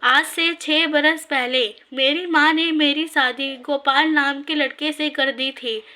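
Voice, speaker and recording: A woman's voice: high-pitched, steady tone, takes it slowly, pushed and bright, full character voice. Woman reading as a grieving young mother.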